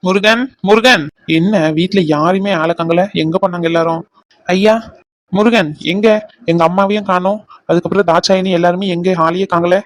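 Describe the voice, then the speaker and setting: A man's voice: high voice, fairly even intonation, normal speed, no room sound. Brief: man, earnest family-drama cartoon voice, dry booth sound. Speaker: voice actor for male family members.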